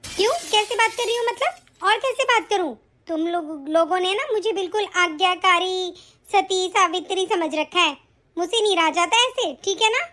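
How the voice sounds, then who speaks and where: A woman voicing an angry, defiant young bride in an animated story. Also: very high-pitched, moderate pace. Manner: snappish, defiant.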